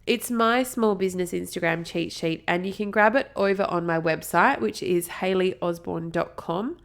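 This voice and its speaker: An upbeat Australian woman in her thirties from South Australia hosts a solo marketing podcast in a lowish, gravelly voice at normal speed. She's chatty, has a blocked nose, and wanders into friendly digressions.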